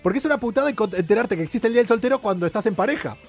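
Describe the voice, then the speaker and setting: A man's voice: high voice, lively intonation, very fast, breathy edge, soft background music. A man with an Argentine accent hosting a casual radio chat show, joking and laughing often. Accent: Argentine Spanish. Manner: joking, laughs often, sometimes sings lines.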